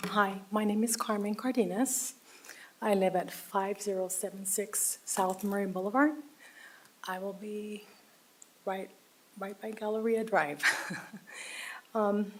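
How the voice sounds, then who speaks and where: A woman's voice: medium pitch, fairly even intonation. An older woman making a heartfelt, emotional public comment as a resident at a city planning meeting, speaking from a podium microphone. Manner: heartfelt, pleading, slow and deliberate. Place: city council chamber.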